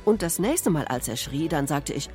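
A woman reading aloud, storytelling with expression. Her voice sits low but moves a lot. Faint music plays behind. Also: animated, moderate pace, dark tone. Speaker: reader. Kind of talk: reading quotes and a children's story.

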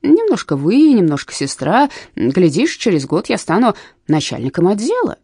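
Brief: woman reader doing an eager, coaxing canal worker in a storybook, lively swooping lines, warm tone. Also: lowish voice, husky, no room sound, studio quality, voice pushed up, full character voice. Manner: wheedling, drawn-out exclamations. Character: excitable male canal worker, scheming and friendly.

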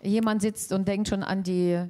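A woman's voice: medium pitch, steady tone, normal speed, dark tone. A woman interpreting a sermon sentence by sentence. She hesitates often and restarts her phrases while searching for words. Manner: hesitant, many fillers and restarts.

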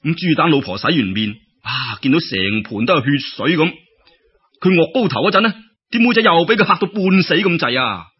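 Telling a traditional folk tale with lots of drama, a Cantonese-accented man speaks in a husky, fairly high voice, animated and fairly quick. His storytelling is theatrical, colloquial and full of exclamations, though the recording sounds dull.

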